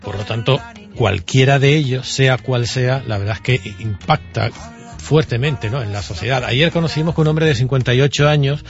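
A man's voice: medium pitch, normal speed, faint music behind. A male radio host, introducing a news story and interviewing a guest, often ending phrases with a questioning tag. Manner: hesitant, tags ¿no? often. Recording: muffled radio broadcast.

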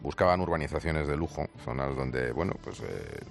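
Very deep gravelly male panelist. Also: sing-song, moderate pace. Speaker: radio panelist. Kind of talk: studio discussion.

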